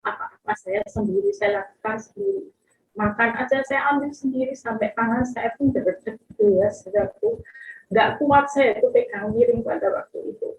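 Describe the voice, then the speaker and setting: A woman's voice: sits high, big pitch swings, normal speed, creaky, reverberant, rough recording. A middle-aged woman telling a personal testimony with emotion, often addressing listeners directly. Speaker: testimony speaker.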